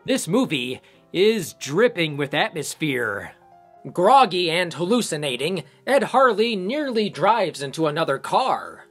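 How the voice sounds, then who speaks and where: Reviewer, man, sarcastic recap narration, lively pitch, faint music. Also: measured pace, husky. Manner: sarcastic, joking asides. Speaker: movie reviewer. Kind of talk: comedic film recap narration.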